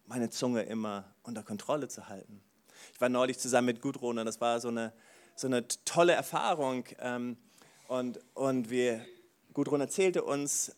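An animated male pastor delivering a sermon in a mid-range voice. He drops to quiet, soft asides and then rises into loud, excited exclamations. He keeps breaking in with enthusiastic "wow"s. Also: mid-range voice. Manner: says "wow" often.

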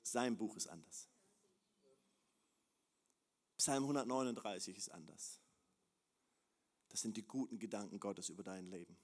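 A man preaching a sermon as pastor, moving between hushed prayerful passages and loud, climbing emphasis, repeating phrases in a building rhythm. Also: fairly low pitch, a little slow, long pauses. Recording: long hall reverb.

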